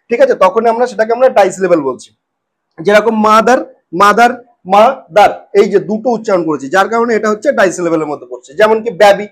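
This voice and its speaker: High-voiced man teaching a lesson. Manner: repeats words slowly and checks in often. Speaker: English teacher. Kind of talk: spoken lesson.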